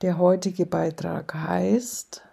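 A woman reading jokes aloud in a soft, partly whispered narrating voice. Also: fairly low pitch, fairly even intonation, takes it slowly, creaky, slightly rough. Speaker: reader of a humour page.

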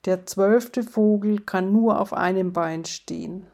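A woman's voice: medium pitch, slow, a little mellow. A woman voicing a sly, cheeky wife who confesses with a wink.

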